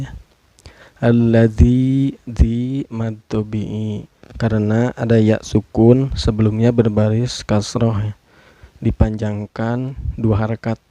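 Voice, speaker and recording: Slow, dark-voiced man teaching. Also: fairly low pitch, no echo. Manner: patient, spells out each rule, ends points with a tag "ya". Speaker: Quran recitation teacher. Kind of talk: tajwid lesson with slow demonstrative recitation.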